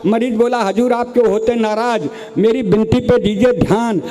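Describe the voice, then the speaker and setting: High-voiced comic poet. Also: male voice, moderate pace, warm tone. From Rajasthan. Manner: storytelling with quoted dialogue, addresses audience as bhai sahab. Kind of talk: humorous poem recital on stage.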